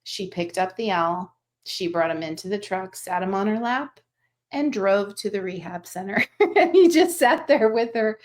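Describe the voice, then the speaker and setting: A woman teaching animal Reiki to students over a video call, talking gently and rambling with fillers and restarts. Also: lowish voice.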